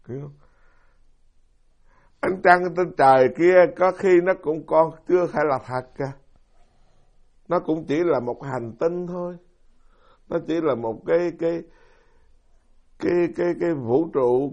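A man's voice: medium pitch, a little mellow. A middle-aged man, a Buddhist monk with a Southern Vietnamese accent, giving a dharma talk full of stories and rhetorical questions to his listeners. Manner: storytelling with rhetorical questions to the audience. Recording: dull lo-fi recording.

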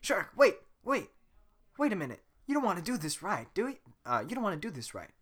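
A yammering male donkey with a Southern twang, as a teenage boy puts him on. The voice jumps way up high and loud, bright and pushy, pleading fast. A cartoon sidekick who never stops talking. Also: huge pitch swings, heavily acted.

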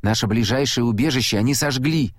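A man reading an audiobook, voicing a protective, tense teenage boy who leads the group, speaking slowly and with weight. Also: medium pitch, no echo, studio quality, lightly acted. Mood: earnest. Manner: slow, weighty, earnest delivery.

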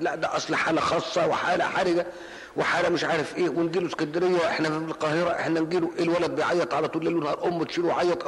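An older Egyptian preacher with a fairly high voice answers questions during a mosque hall lesson, using colloquial stories and repeated phrases for emphasis. The low-quality recording has a long reverb tail.

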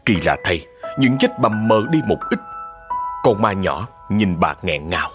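Low, expressive male storyteller. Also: measured pace, loud music behind the voice. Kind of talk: scripted ghost story narration.

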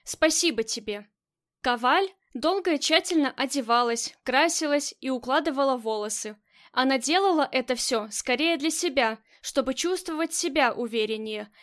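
A woman reads a crime novel aloud as the audiobook narrator. Her voice sits high. She keeps a steady storytelling delivery. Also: normal speed. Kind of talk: scripted narration.

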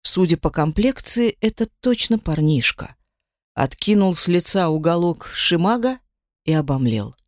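A dramatic first-person audiobook narration, the reader's pitch swinging widely as the story is told. The sound is dry and close, with no room echo at all. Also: animated, measured pace.

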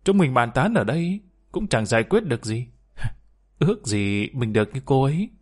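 A man's voice: mid-range voice, very animated, moderate pace. A man voicing a young waitress who gossips in a snide, spiteful way. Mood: gossipy.

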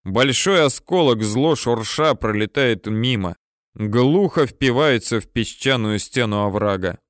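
A man narrates a novel as an audiobook in a steady, mid-pitched voice. He builds tension at dramatic moments. The sound is dry and close, with no room echo. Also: measured pace.

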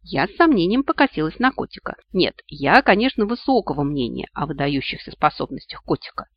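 Give me an animated audiobook narrator, expressive, on a dull lo-fi recording. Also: medium pitch, fairly quick, no room sound. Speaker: audiobook reader. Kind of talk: audiobook narration, comic fantasy.

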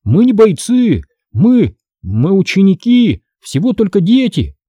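A man's voice: sits high, wildly swooping pitch, a little slow, mellow, no echo, highs cut off, voice pushed up, full character voice. A man voicing a scared young boy who stammers and pleads urgently in an audiobook. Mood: stammering. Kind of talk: audiobook character voice.

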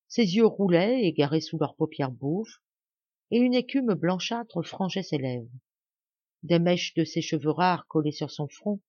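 A woman narrating a novel as an audiobook, with a steady, expressive reading, in a slightly dull, dry recording. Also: fairly low pitch, no room sound. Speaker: audiobook reader.

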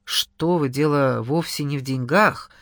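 A reader voicing a calm, obliging middle-aged male university scientist in an audiobook, measured and reassuring. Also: a little high, no room sound, studio quality, pitched below the performer's own voice. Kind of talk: audiobook character reading.

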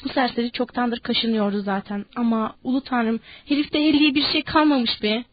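A woman voicing a calm, authoritative lead ranch hand who speaks firmly and commandingly, in a dry, dull audiobook recording. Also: a little high, moderate pace, dry recording, lightly acted. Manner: firm, commanding.

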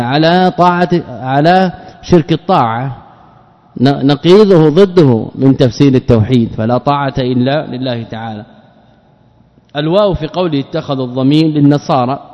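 A man's voice: mid-range voice, mellow. A man giving a religious lesson, explaining terms and grammar and putting questions to his listeners. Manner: explains words and grammar, asks the audience questions. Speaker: Islamic scholar teaching a book. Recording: dull lo-fi recording with long hall reverb.

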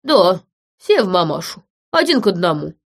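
A woman's voice: lowish voice, sing-song, normal speed, vocal fry, exaggerated voice. A woman voicing a weary, rueful older father in a storybook reading. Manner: sighing, rueful.

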